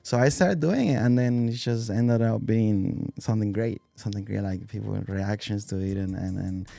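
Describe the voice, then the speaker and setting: Gravelly man chatting. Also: fairly low pitch, normal speed, mellow, dry recording, studio quality. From Spain. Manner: rambling, full of fillers and restarts. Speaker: guest, DJ and violinist. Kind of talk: casual interview chat.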